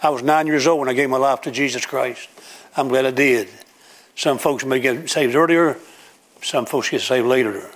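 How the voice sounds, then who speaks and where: A man's voice: mid-range voice, moderate pace. A man preaching a sermon to a congregation, telling homely stories and acting out everyday scenes. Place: church room with a congregation.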